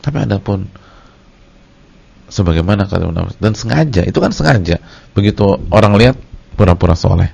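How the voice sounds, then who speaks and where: A middle-aged man, an Islamic preacher giving a lecture to his congregation in a lively, storytelling way. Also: lowish voice, quick pace, long pauses. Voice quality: gravelly, husky. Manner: lively storytelling, acts out short scenes. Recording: dull lo-fi lecture recording.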